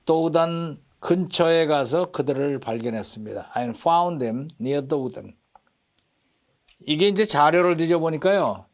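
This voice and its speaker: A middle-aged man teaching an English lesson, slowly repeating English phrases and marking their stress. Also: a little high, animated.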